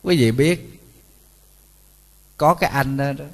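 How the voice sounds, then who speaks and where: Southern vietnamese monk telling stories in a sermon, lively and jokey, talks right to the crowd. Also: male voice, medium pitch, slow, big-room sound. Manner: animated, joking, addresses audience directly. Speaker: Buddhist monk teaching. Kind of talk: storytelling sermon.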